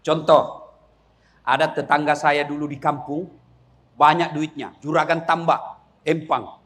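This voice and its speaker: A male preacher delivers a comic sermon to young people. His voice sits high and rings bright, and he tells stories in a lively way, mimicking the people in them and breaking into shouts. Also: unhurried.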